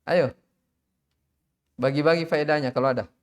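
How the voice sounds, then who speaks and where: A man teaching tajwid in a live online class, drilling Arabic syllables slowly and calling on students to recite. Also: a little high, steady tone. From Indonesia.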